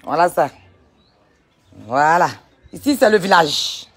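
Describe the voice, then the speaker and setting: A woman's voice: fairly low pitch, takes it slowly, husky. Chatty woman. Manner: animated, chatty, retorts to critics. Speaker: vlogger. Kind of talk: casual vlog tour. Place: village outdoors in sun.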